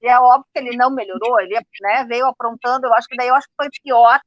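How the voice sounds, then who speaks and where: A woman's voice: a little high, fast talker, no echo, lo-fi sound. A middle-aged woman, telling a family story in casual chat and acting out the dialogue. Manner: animated, acts out dialogue, many fillers. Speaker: study group participant.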